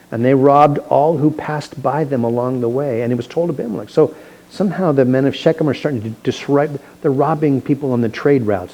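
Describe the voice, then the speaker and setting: Brief: male pastor, church Bible study, mellow voice, casual explanatory asides between readings. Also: mid-range voice, rough recording. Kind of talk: verse-by-verse Bible teaching. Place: church sanctuary.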